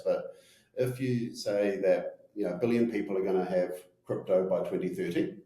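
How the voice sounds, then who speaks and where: A man's voice: fairly low pitch, dark tone, reverberant, low-quality recording. A man in his forties with a broad New Zealand accent, talking informally in an interview and often checking in with "right?". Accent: broad New Zealand (Kiwi). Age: 40s. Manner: informal, peppers talk with "you know" and "right?". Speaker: company executive being interviewed. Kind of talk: casual interview talk.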